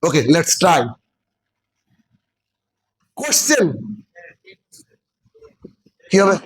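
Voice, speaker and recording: A man's voice: high voice, sing-song, extremely slow, poor audio. A man teaching English in a classroom lecture, explaining step by step and checking that students follow. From West Bengal. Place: classroom with a board.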